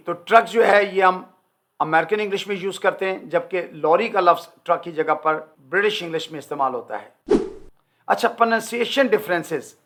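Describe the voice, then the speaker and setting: An older man teaching English in an Urdu lesson, slowly repeating each example word and phrase. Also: fairly high pitch, fairly bright tone. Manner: slow, deliberate repetition of example words.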